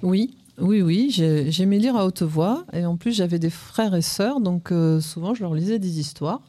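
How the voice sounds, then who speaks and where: Middle-aged woman guest, casual hesitant chat; low, warm, dry. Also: normal speed, dry recording. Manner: hesitant, many fillers and restarts. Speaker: guest on a school radio show.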